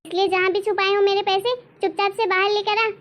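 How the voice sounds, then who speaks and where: Her delivery flat and fairly quick, with a slightly bright edge, a woman acts out a cartoon mother-in-law. The character scolds harshly, shrill and insulting.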